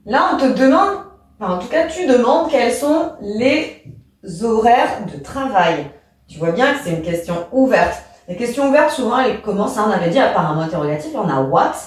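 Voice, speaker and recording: Lively echoey French-speaking teacher woman. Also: medium pitch. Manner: addresses the pupil informally, demonstrating rising and falling intonation. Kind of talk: explaining a lesson. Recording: echoey room, distant from mic.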